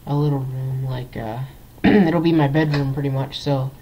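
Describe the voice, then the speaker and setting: A man's voice: medium pitch, fairly even intonation, normal speed, mellow, rough recording. Rambling young man narrating gameplay. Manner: rambling, filler-heavy, restarts sentences. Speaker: gameplay video host. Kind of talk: casual let's-play commentary.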